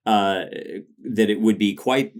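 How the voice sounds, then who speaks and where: Low-voiced hesitant male co-host. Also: fairly even intonation, takes it slowly. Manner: hesitant, many restarts and fillers. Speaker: podcast co-host. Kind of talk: casual chat.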